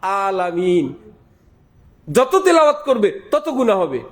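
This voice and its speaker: A man's voice: high voice, big pitch swings, slow pace. A male preacher giving a sermon, emphatic, repeating key phrases and asking rhetorical questions. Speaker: Islamic preacher. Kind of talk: Bengali waz sermon.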